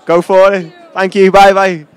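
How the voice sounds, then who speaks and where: A man's voice: high-pitched, level tone, clean tone. A cheerful young man, interviewing passers-by outdoors with a handheld mic. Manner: cheery, quick questions, laughs often. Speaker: street interviewer. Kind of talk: vox pop street interviews. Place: outdoor plaza by an arena, busy street.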